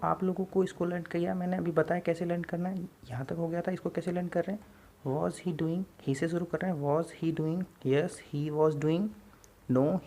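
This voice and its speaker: A man's voice: on the high side, warm tone. A man with an Indian accent teaching English grammar, drilling examples over and over and switching between Hindi and English. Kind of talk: classroom grammar lesson.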